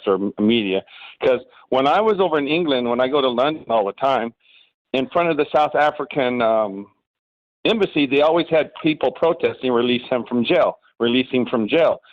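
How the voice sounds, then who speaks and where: A man's voice: mid-range voice, no echo. A man calling in to a talk show over a phone line on speakerphone, chatting casually and rambling with restarts. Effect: heard over a phone line on speakerphone. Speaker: caller. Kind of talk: casual call-in chat. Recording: muffled dry phone line.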